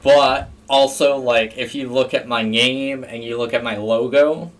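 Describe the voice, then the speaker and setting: A man's voice: mid-range voice, fairly even intonation, measured pace, distant mic. A young man hosting a casual sports podcast, chatty and self-mocking. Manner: chatty, laughs at himself, imitates a play-by-play call. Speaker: podcast host and streamer.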